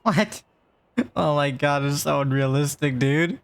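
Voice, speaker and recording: A man's voice: fairly high pitch, unhurried, creaky, a little hiss or hum. A man streaming a video game, making casual, sarcastic, cursing commentary.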